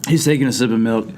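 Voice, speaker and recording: Coughing, complaining man with noisy background. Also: mid-range voice. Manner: dramatic, coughing and complaining between lines. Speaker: youth ministry host. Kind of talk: casual hot-sauce challenge banter.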